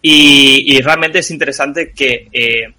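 A man's voice: medium pitch, takes it slowly, sharp tone. A man speaking earnestly as a panel guest, repeating words as he thinks. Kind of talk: roundtable discussion.

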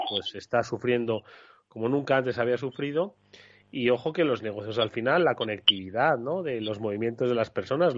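A man's voice: medium pitch, no room sound, dull audio. A man hosting a radio panel discussion, putting questions to his guests with many fillers. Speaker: radio show host.

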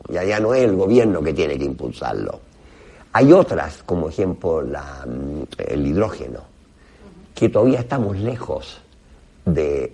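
A man with a low, gravelly, mellow voice speaks Spanish as a professor being interviewed. He gives explanatory answers, halting and groping for words.

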